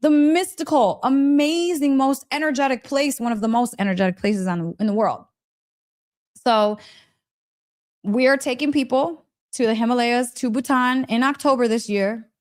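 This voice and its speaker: A woman's voice, high-pitched with a darkish tone, moves at normal speed as she hosts a casual motivational storytelling live stream as a spiritual teacher. Gushing and emphatic in a chatty way, she repeats phrases and addresses her listeners directly with frequent check-in questions.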